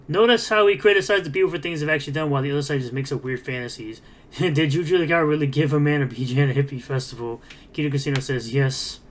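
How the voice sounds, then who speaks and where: A man's voice: on the high side, fairly bright tone. A man hosting a drama commentary, reading posts aloud and reacting to them in a mocking, scornful way. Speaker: host of a commentary video. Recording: clearly noisy background.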